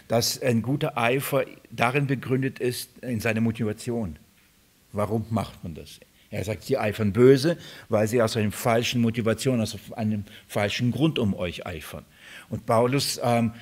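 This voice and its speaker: A man preaching a sermon to his congregation, speaking in a halting way with repeated words and frequent fillers. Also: fairly low pitch, breathy edge. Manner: addresses congregation directly.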